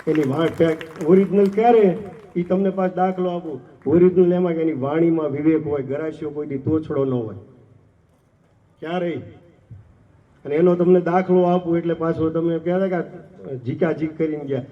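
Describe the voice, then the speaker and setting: A man delivers a fiery sermon, his voice pitched high as he fires rhetorical questions at the crowd and mimics the people he quotes. The recording is distant and tinny, thin like a phone line. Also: fairly even intonation, normal speed. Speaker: ashram trustee giving a festival speech. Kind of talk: impassioned public sermon.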